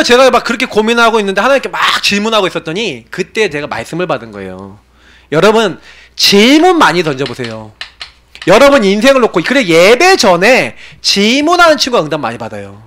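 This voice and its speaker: A man in his forties, a pastor preaching a sermon with animated urging and low, confiding asides.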